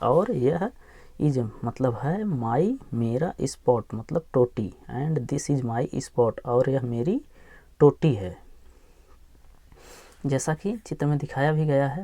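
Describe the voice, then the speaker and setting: A man teaching English phonics, sounding out each letter slowly and repeating every word. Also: mid-range voice, creaky, dark tone, no room sound. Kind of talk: slow phonics lesson, spelling words aloud.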